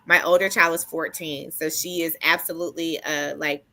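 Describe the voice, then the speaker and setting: A woman's voice: sits low, steady tone, normal speed, bright, forceful tone. A middle-aged woman speaking as a panel guest in a casual discussion, earnest and chatty, often laughing lightly between points.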